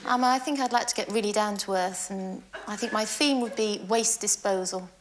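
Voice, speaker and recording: A female contestant delivers wry, deadpan answers. Her voice sits in the middle range. Heavy studio noise runs behind her. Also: medium pitch, moderate pace. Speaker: dating show contestant. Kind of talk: scripted witty answers.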